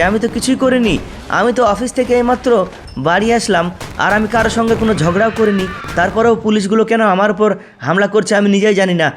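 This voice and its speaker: A man's voice: high-pitched, slight background noise. A man voicing a game character in a comic skit, chatting in a bewildered way to viewers. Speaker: game video voice-over.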